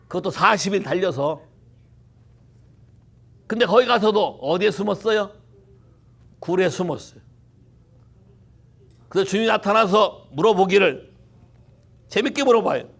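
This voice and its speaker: Male pastor, high gravelly voice, animated sermon, rhetorical questions. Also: unhurried, long pauses. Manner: animated, rhetorical questions, mixes in English phrases. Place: church.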